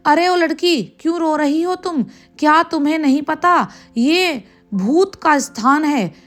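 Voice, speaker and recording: A woman's voice: high-pitched, measured pace. A woman voicing a lazy, fussy male ghost who lives in a tree, grumbling and then kindly and boastful. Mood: disgusted.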